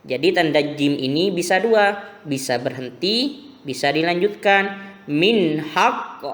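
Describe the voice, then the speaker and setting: A man teaching a recorded religion lesson to primary school pupils, explaining slowly and patiently. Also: fairly high pitch, animated, a bit bright, long reverb tail. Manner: slow, patient explaining to children.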